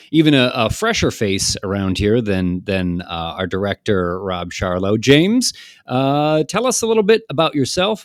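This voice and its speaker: A man's voice: mid-range voice, dry recording, clean studio sound. A man hosting a casual podcast interview, feeling out his questions with repeated words. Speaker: podcast host.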